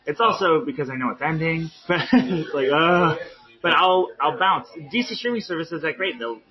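A man hosting a casual podcast chat about comic books, excitable and informal, readily agreeing. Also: on the high side, normal speed, muffled recording, crowd noise.

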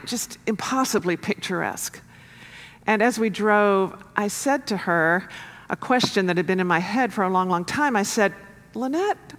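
Slow-speaking woman pastor preaching in a hall. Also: medium pitch, a bit bright. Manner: measured, earnest preaching with emphatic rises. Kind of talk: sermon. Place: church sanctuary. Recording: long reverb of a church hall.

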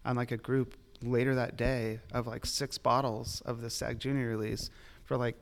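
A man's voice: medium pitch, level tone, normal speed, vocal fry. A man, a liquor retailer telling rambling, laughing stories in a casual podcast chat. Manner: rambling storyteller, laughs often, swears. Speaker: liquor store retailer, guest.

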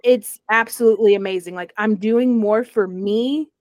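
A woman's voice: medium pitch, moderate pace, dry recording. Young woman telling her story. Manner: animated, acts out quoted voices. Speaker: guest sharing her story. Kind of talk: casual storytelling interview.

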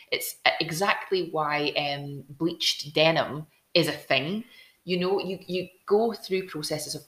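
This is a Scottish woman with a deep, low voice, speaking in a casual and enthusiastic way and circling back to restart her thoughts. Her voice rings in a roomy, echoey space. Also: fairly bright tone. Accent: Scottish, Glasgow. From Scotland. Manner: enthusiastic, storytelling, with frequent restarts. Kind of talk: casual chat.

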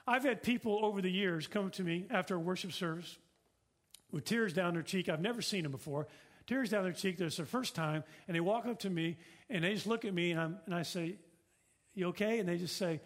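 High-voiced preaching pastor. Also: male voice, fairly quick. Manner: earnest, repetitive preaching with rhetorical questions. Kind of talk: sermon.

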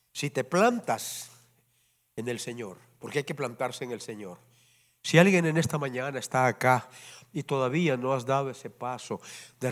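A pastor preaching a sermon to his congregation in church, animated and often asking them to agree. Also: mid-range voice. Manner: animated preaching, constantly asks the congregation "¿verdad?". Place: church service before a congregation.

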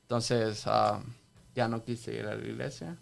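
A man from El Salvador telling his faith story on a church podcast, halting and earnest, full of restarts. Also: fairly low pitch, fairly even intonation, creaky. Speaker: podcast guest sharing testimony. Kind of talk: casual church podcast talk.

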